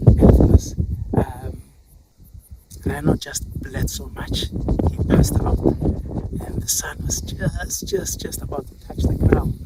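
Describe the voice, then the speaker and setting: A man, a safari field guide from South Africa, telling a folk tale outdoors in the bush as an animated storyteller. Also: medium pitch. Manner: animated storyteller, many fillers. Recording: loud outdoor noise, bush sounds.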